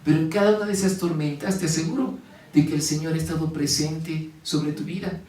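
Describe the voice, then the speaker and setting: A man's voice: a little high, steady tone, a little fast, a little mellow. A man preaching a sermon, reading scripture and asking the congregation rhetorical questions. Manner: reads scripture aloud with emphasis. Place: church. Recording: roomy sound from a distance.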